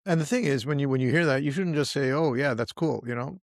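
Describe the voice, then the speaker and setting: A man co-hosting a history podcast in casual chat, measured and reflective. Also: on the high side, no room sound, clean studio sound. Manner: reflective, measured, breaks into laughs. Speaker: podcast co-host.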